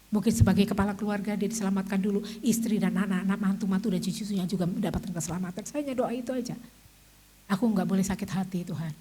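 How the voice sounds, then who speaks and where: A woman's voice: mid-range voice, mellow, breathy edge, rough recording. An older woman giving a testimony in church in a chatty, confiding way, often laughing and praying aloud. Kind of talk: testimony sermon.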